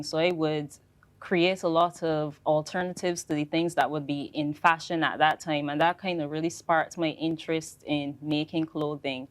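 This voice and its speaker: Young woman, low voice, measured panel speaker. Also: no room sound. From Barbados. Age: young adult. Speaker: fashion designer on a panel. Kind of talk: panel talk.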